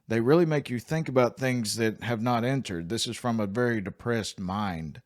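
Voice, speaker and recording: A man's voice: mid-range voice, moderate pace. A man teaching a Bible study, speaking earnestly and stressing key points as he moves between commentary and reading scripture aloud.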